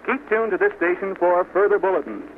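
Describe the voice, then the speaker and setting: A man's voice: sits high, big pitch swings. Man reading an old newsreel-style bulletin. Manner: formal, measured announcer delivery. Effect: old newsreel-style broadcast sound. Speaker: news announcer. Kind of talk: 1940s wartime radio news bulletin. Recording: tinny old radio broadcast with faint hiss.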